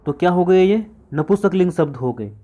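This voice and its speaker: A man's voice: high voice, expressive, brisk, warm tone, muffled recording. A man teaching an exam-prep grammar lesson, repeating each point and answering his own questions.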